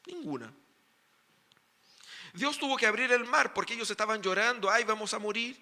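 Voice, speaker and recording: A man's voice: high voice, pushed and bright. A man preaching an emphatic sermon as pastor in a church. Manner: emphatic preaching, voices characters in quotes. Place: church sanctuary. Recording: reverberant church hall.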